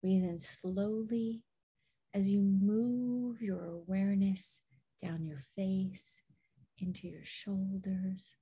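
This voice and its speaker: A woman host leading a guided meditation in a soft, soothing, breathy manner with long pauses. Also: mid-range voice, fairly even intonation. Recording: dull, lo-fi audio.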